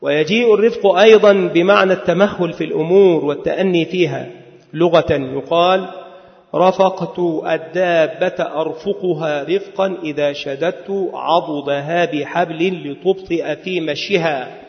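A man giving a religious lecture at a measured pace, now and then drawing words out in a chanting lilt. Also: a little high, creaky. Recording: long hall reverb, dull lo-fi sound.

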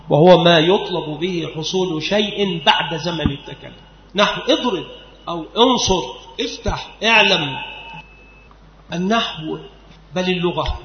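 A man teaching a classical grammar lesson, patiently repeating and drilling example words. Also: slight background noise. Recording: echoey hall, dull low-fi sound.

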